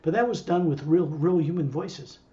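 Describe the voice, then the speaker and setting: A man's voice: a little high, moderate pace, dark tone, highs cut off. A man who acts as a spiritual teacher, talking casually and digressively to a small group. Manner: rambling, digressive.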